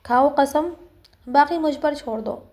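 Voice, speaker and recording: A woman's voice: high voice, darkish tone, natural voice. A woman voicing a persistent, lovestruck young man who teases and coaxes playfully. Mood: teasing. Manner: playful, coaxing pleading.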